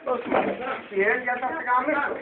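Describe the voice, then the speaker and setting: A young man in rowdy, swearing banter with friends, shouting and teasing. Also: very high voice, level tone. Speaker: friend in a group. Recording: echoey tinny phone video with loud crowd.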